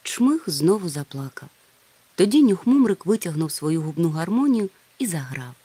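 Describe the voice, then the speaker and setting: A woman narrating a children's audiobook in a steady storytelling manner. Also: fairly low pitch, normal speed, slightly rough, no room sound. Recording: faint music underneath.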